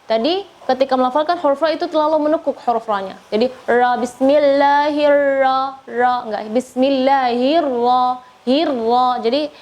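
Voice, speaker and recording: High-voiced Indonesian woman, over-enunciating teacher. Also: fast, darkish tone, lo-fi sound. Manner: hesitant, searching for words. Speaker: Quran recitation teacher. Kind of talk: informal spoken feedback lesson.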